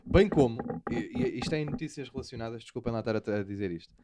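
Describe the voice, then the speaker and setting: Rambling podcast host, swearing. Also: male voice, medium pitch, animated, fast, a loud crowd. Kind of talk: casual podcast banter.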